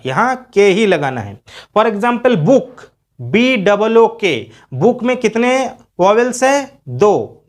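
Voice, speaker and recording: Indian man spelling out English words. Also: sits high. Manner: patient teaching, spells words out letter by letter. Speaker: English grammar teacher. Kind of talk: video lecture.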